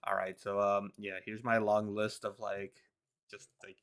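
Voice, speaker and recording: A man's voice: fairly low pitch, flat delivery, unhurried, a bit bright, pitched below the performer's own voice. Man doing a nerdy guy voice. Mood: nerdy recital. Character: nerdy young man reading off his work list.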